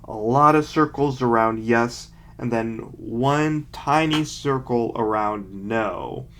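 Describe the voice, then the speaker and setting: A young man speaks casually at an average pitch, as a vlogger would. He reads short bits aloud and picks them apart with mocking, self-deprecating commentary. His asides are dry and sarcastic. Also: slow pace, fairly bright tone, slight background noise. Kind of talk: casual commentary, reading aloud from a childhood book.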